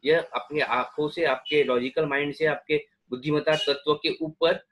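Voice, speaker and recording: A man's voice: on the high side, fairly even intonation, moderate pace, fairly bright tone, low-quality recording. A middle-aged man giving a classroom lecture, emphatic and mixing English phrases into his talk. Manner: emphatic, mixes English phrases into speech, acts out patients. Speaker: homeopathy lecturer.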